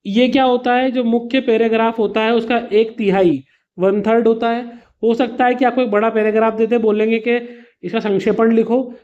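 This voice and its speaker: A man's voice: very high-pitched, darkish tone, highs cut off. A man teaching an exam revision lesson to students. He explains patiently with simple examples, calls his students "beta" and slips English words into his explanations.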